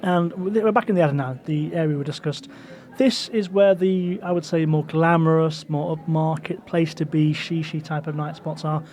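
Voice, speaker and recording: A man's voice: on the high side, fairly even intonation, normal speed, hardly any pauses, a little mellow. A man hosting a walking tour outdoors on a city street, talking in a chatty, digressive way full of fillers. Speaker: podcast host and tour guide.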